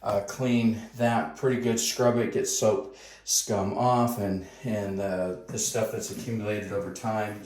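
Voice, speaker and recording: Slow-talking man in an echoey house. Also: on the low side, little pitch movement, darkish tone. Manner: slow, halting, plenty of pauses. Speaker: landlord. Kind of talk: walkthrough video narration. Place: empty house interior. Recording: roomy echo with faint noise.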